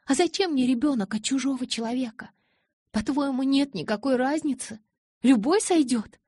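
A woman voicing a gentle but stubborn pregnant young woman in an audiobook, soft and reassuring. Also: on the high side, lively intonation, normal speed, slightly rough, no echo, clean studio sound, pitched above the performer's own voice. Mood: indignant. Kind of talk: audiobook character voice.

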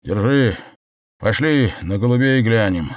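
Man doing a loud, brash young buddy. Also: on the low side, expressive, unhurried, dry recording, clean studio sound. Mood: lively. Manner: loud, pushy, upbeat.

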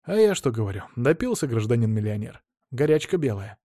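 A man voicing a laconic, sardonic police officer who speaks deadpan. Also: mid-range voice, a little fast, no echo, clean studio sound.

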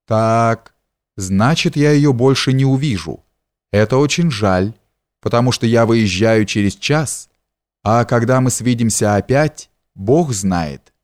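A man reading the part of a worldly, talkative gentleman in an audiobook, with a smooth, familiar, teasing manner. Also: mid-range voice, lively intonation, takes it slowly, no room sound, clean studio sound. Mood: wistful.

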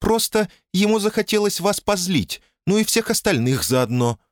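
A man voicing a nervous, high-strung woman on the phone, with a thin, tense voice and hurried, fluttery apologies. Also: sing-song, no room sound, clean studio sound. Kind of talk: audiobook character voice.

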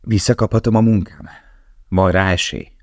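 A frail young prisoner speaks in a soft, subdued, low voice, as a man reads him in an audiobook. The delivery is quiet and weary, and the recording is dry. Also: fairly even intonation, no room sound.

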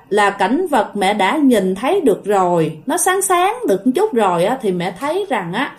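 A woman with a Southern Vietnamese accent telling a ghost story in a chatty way, talking straight to her listeners. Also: on the high side. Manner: chatty, addresses listeners directly, frequent filler particles. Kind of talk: casual ghost story narration.

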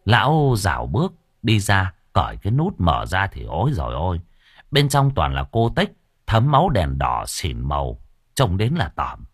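Male audiobook narrator, low and dry, lively. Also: moderate pace, husky, no room sound. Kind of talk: audiobook narration of a horror story.

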